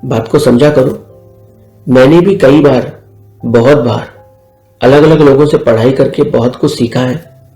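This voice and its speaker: A man's voice: medium pitch, a little slow, long pauses, dark tone, natural voice. A man reading a frank modern mother. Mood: advising. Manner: reassuring, lecturing. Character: open-minded modern mother, middle-aged. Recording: echoey room with faint music.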